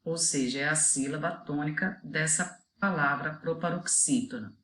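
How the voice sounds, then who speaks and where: Woman teacher, Brazilian Portuguese accent, low and unhurried, careful word-by-word delivery, echoey room. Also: fairly bright tone. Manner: slow, deliberate, spells out example words one by one. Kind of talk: children's video lesson.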